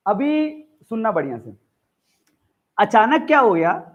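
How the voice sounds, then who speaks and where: A man with a very high voice teaches a live physics class. He is chatty and jokey, keeps throwing questions at the students, and the sound is thin and tinny, as if over a phone line. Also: sing-song, slow pace. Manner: chatty, joking, quizzes the class.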